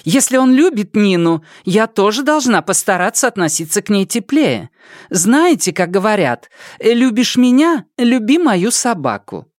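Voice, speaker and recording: A flighty young woman singer, as a male narrator puts her on in an audiobook, high-pitched and whiny, her voice swooping widely up and down. She pleads tearfully and gets flustered easily. The recording is close and dry. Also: sing-song, a little slow, no echo. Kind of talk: audiobook character voice.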